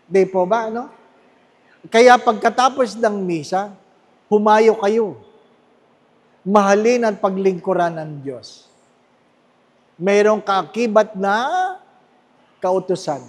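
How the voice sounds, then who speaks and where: Filipino male priest, high voice, slow deliberate homily, long church echo. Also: lively intonation. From Philippines. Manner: conversational preaching with tag questions to the congregation; slow, emphatic, repeating key phrases. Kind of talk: sermon. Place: large church with long reverb. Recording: echoey church hall.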